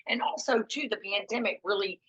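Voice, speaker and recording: A woman speaking as a podcast guest in a calm, measured way. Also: mid-range voice, slightly rough, rough recording. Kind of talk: casual interview.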